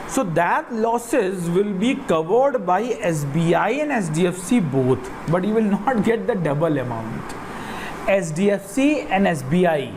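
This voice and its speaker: A middle-aged male teacher with a North Indian accent and Hindi as his first language explains step by step. His pitch swings in a lively way as he repeats phrases and asks questions. A clear layer of background noise sits behind his voice. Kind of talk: explanatory online lesson.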